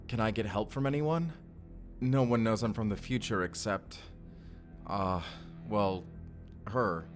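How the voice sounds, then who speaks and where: A man with a fairly low, near-everyday voice plays a bewildered, reluctant recruit in a time-travel audio drama. He speaks unhurriedly, informally and hesitantly, sounding sheepish and apologetic, with soft music in the background.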